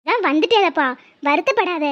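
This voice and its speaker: A woman voicing a sweet, devoted young village woman in a cartoon, in a high, soft, girlish voice. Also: expressive, brisk. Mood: pleading. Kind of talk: cartoon voice acting. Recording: slightly muffled lo-fi audio.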